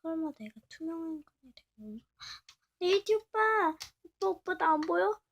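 A woman's voice: very high voice, big pitch swings, moderate pace, noisy background, voice pushed up, exaggerated voice. Woman doing a whiny invisible girl. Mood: pleading. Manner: whiny, pleading. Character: lovesick young girl turned invisible, whiny.

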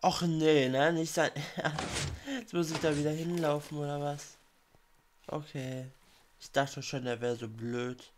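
A man's voice: on the high side, fairly even intonation, measured pace, slight background noise. A man with a cold giving casual commentary while playing a video game, muttering his reactions to himself. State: has a cold. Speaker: let's play gamer.

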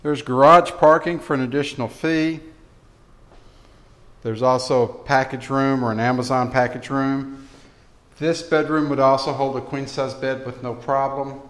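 A man narrating a casual walkthrough tour of an empty apartment as a leasing agent, matter-of-fact with frequent fillers, recorded on the camera while walking room to room. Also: medium pitch. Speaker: real estate leasing agent.

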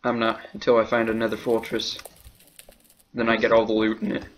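A man's voice: fairly low pitch, completely flat delivery, brisk. A man gamer in casual gaming chat, dry and teasing. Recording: noisy home mic.

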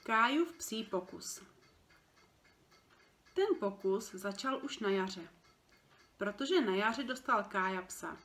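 A woman reads a children's story aloud at a middling pitch. She tells it in a lively way and lifts her voice when the characters speak. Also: pauses often. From Czech Republic. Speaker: librarian reading a story aloud.

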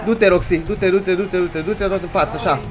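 A gaming YouTuber commenting on a horror game, excitable and slangy, yelling at jump scares and taunting the game character. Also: medium pitch, music in the background. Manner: excitable, yells and shrieks at scares, slangy banter to viewers.

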